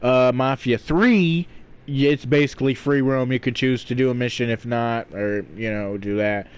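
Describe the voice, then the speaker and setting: A man's voice: medium pitch, steady tone, moderate pace, clear, resonant tone. A congested man giving rambling, casual gameplay commentary full of fillers. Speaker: gamer.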